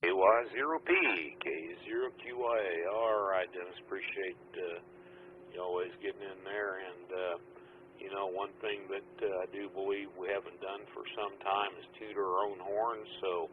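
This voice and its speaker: A man running an amateur radio net as net control, talking in an easygoing way with many filler pauses, heard as a radio transmission with static. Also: low voice, flat delivery. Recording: tinny radio with faint static.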